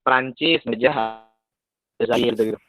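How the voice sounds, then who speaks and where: A man's voice: medium pitch, unhurried, a bit bright, soft background music. A man gives a chatty, casual lecture to an online study group, and his voice keeps breaking up on a choppy call. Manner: chatty, with frequent tag words and fillers. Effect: choppy, breaking-up online call audio. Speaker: speaker at an online study session. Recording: dull, lo-fi, dry call audio.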